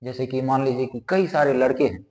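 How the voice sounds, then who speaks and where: A man's voice: medium pitch, fairly quick, darkish tone. A man teaching a biology lesson, asking questions and answering them himself as he repeats each term. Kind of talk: classroom lesson with drawing. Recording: echoey room with long reverb.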